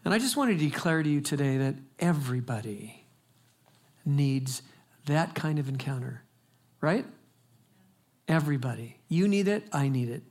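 An older pastor preaches a sermon with a slightly higher-than-usual pitch. He tells his story emphatically and dramatically, pushing loud and then dropping soft, speeding up and then slowing down. He delivers it to a church congregation. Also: big pitch swings. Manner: emphatic, dramatic storytelling with big swings in volume and pace.

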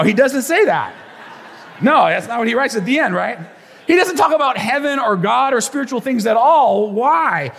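A man preaching a sermon as pastor, telling stories with playful asides and teaching in an animated way. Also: extremely high pitch, gravelly, big-room sound.

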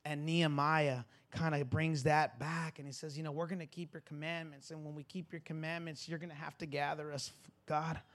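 A man in his forties, a pastor preaching a sermon in a repeating, rising cadence that climbs toward shouting. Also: fairly high pitch, level tone, fairly quick. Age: 40s. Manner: builds to near-shouting, repetitive preaching cadence.

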